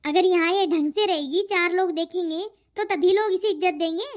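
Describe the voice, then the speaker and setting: A harsh, nagging cartoon mother-in-law, voiced by a woman, scolding and taunting in a very high voice. The audio is dull and lo-fi. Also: normal speed. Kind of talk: cartoon voice acting.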